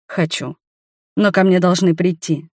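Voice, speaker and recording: A woman voicing a gentle, shy wanderer man who talks softly and tenderly to his beloved in an audiobook. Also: high-pitched, fairly even intonation, measured pace, no echo, clean studio sound. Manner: soft, tender and reassuring. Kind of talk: audiobook character voice.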